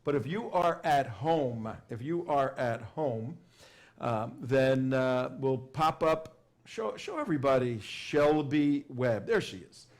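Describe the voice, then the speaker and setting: A man's voice: medium pitch, lively intonation, slow. A man hosting a talk radio show, emphatic and sarcastic, often repeating his phrases. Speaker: host. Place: radio studio.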